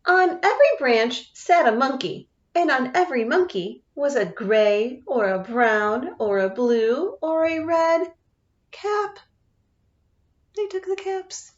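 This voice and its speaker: A woman teacher reads a storybook to children in a high, slow, expressive voice and pauses to ask them questions. The sound is dull and lo-fi. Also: echoey room. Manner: expressive, asks listeners questions. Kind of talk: reading a picture book aloud to children.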